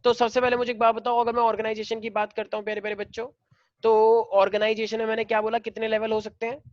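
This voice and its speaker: A man's voice: sits high, monotone, quick pace, no room sound. A man teaching a class, mixing Hindi with English, asking students questions and calling them his dear children. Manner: mixes Hindi and English, quizzes students, affectionate. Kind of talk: classroom lecture. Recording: dull lo-fi dry sound.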